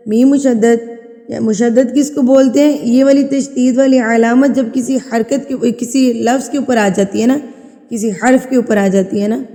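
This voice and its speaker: A woman teaching tajweed, explaining each rule patiently and repeating key terms, then reciting slowly with long drawn-out sounds. Her voice sits a little high and mellow. A long reverb trails behind every phrase. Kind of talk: tajweed lesson with slow recitation.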